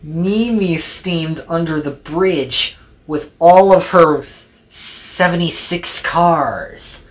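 A woman narrating a homemade train story in an unhurried, sing-song way. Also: on the low side.

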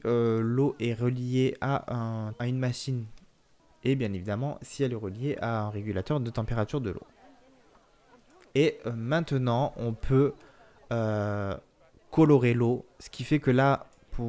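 A man hosting a relaxed game walkthrough, explaining features with many filler pauses. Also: mid-range voice. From France. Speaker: gaming video host.

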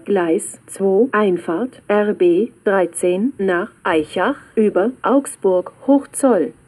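A woman reading railway platform announcements in a flat, formulaic way, in pieced-together phrases. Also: medium pitch, slow, faint music behind.

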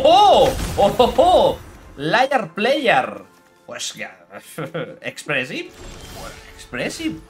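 A man giving live gameplay commentary as a streamer, animated, taunting his opponent and dropping in English phrases. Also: medium pitch.

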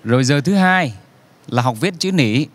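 A man telling a joke as a story, relaxed and unhurried, slowing down for effect and acting out the characters' lines. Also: fairly high pitch. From Vietnam.

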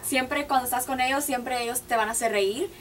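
A cheerful woman co-hosting a television show, with a somewhat high voice. She is a little set back from the mic, and faint hiss runs underneath. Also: fairly quick, a bit bright, recorded from a distance. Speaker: model and co-host. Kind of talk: TV show presenting. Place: studio.

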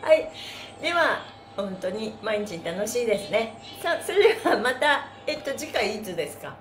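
A middle-aged woman leads a live-streamed stretch class from a small, bare indoor room with a wooden floor, chatting, instructing and making announcements in a cheerful, playful, exclamatory way. Her fairly high voice has a sing-song lilt at a moderate pace. The room is echoey, with music playing behind her.

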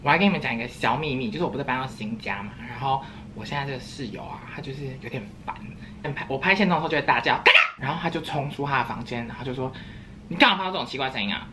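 A woman's voice: a bass voice, very fast, fairly bright tone, slight background noise. A young woman, chatting playfully in a casual eating vlog at home and breaking into silly sing-song voices. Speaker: vlogger.

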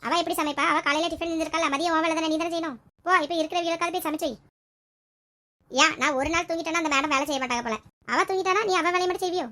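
Bright rapid-fire woman. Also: extremely high pitch. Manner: scolding, nagging banter. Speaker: skit creator playing family roles. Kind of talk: comedy family skit.

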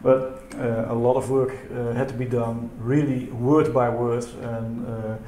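A man whose first language is Dutch gives a hesitant symposium presentation in a lecture hall, filling it with fillers and repeated words. His medium-pitched voice is mellow, flat, and unhurried. The recording carries echo and faint noise.

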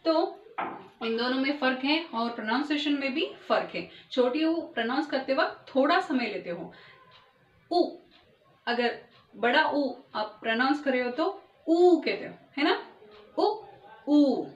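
A woman teacher giving a recorded Hindi lesson to young children, spelling words slowly and clearly and mixing in English words. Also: sits high, lively intonation. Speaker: primary school teacher. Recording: echoey room, distant dull mic.

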